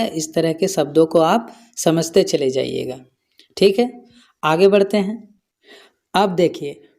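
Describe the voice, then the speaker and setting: A man with an Indian accent teaching an English pronunciation lesson, slowly repeating example words one by one. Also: sits high.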